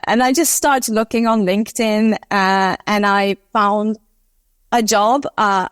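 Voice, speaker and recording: A woman's voice: fairly high pitch, no echo. A woman in her thirties from Turkey, chatting easily as a guest in an interview, with many fillers. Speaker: SEO consultant guest. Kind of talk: casual interview talk.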